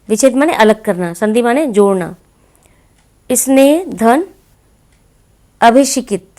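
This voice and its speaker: Woman teacher, fairly high voice, slow and deliberate delivery, explaining lessons to students. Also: darkish tone. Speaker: Hindi teacher. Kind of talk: classroom lesson explaining exercises.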